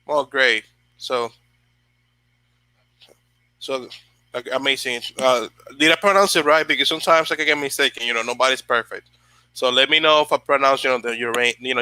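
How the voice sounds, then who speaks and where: A young man from the Dominican Republic hosts his channel's casual motivational livestream, answering viewers in a rambling style full of fillers and restarts. His mid-range voice is bright and forceful, but the audio quality is poor.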